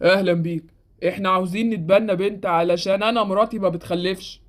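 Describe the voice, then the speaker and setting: A woman voicing a gruff, bossy adoptive father with an Egyptian accent in a Roblox story. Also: medium pitch, steady tone, fast talker, close to an everyday voice. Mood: formal. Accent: Egyptian Arabic.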